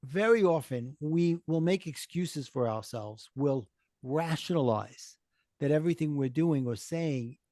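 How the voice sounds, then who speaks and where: A middle-aged man speaks in a Brooklyn accent with a fairly high-pitched voice. He sounds earnest and explanatory, like a coach talking in an interview, and the sound is dry and close. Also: lively intonation, a little slow, mellow, dry recording. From Brooklyn, New York. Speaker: podcast guest, life coach and author. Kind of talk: conversational interview, personal storytelling.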